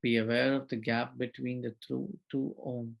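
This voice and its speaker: A man leading a guided meditation, giving soft, measured instructions with long pauses. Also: medium pitch, little pitch movement, gravelly, muffled recording.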